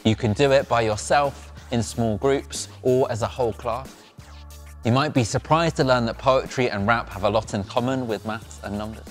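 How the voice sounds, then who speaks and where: A young man, a poet hosting a school poetry slam, giving clear, measured, encouraging tips straight to camera from an indoor studio. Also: medium pitch. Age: young adult. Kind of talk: scripted address to camera. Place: indoor studio with a plain backdrop. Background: faint background music.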